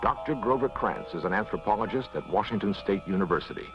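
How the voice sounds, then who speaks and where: A low-voiced American man delivers dramatic nature documentary narration, measured and suspenseful, with wide swings in intonation. The sound is that of a dull vintage TV soundtrack, with loud music behind him. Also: lively intonation. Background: loud background music.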